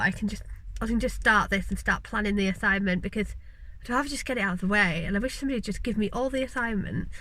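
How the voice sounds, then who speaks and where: A woman's voice: medium pitch, pushed and bright, slight background noise, rough recording. A mature woman with a Yorkshire accent from West Yorkshire, chatting earnestly to camera about her studies, with plenty of ums and tangents. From West Yorkshire, England. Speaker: vlogger, mature law student. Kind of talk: casual talking-to-camera vlog.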